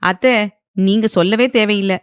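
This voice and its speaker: A woman voicing a teasing young man in an audio novel, speaking in playful, lively banter. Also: mid-range voice, moderate pace, smooth, dry recording, clean studio sound, close to an everyday voice.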